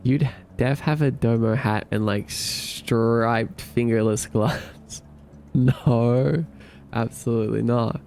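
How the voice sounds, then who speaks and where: A man's voice: medium pitch, takes it slowly, gravelly, a little mellow, slight background noise. A young man, casually chatting and joking with his livestream viewers. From Australia. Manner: playful, laughing, teasing chat. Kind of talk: casual chat reading viewer comments.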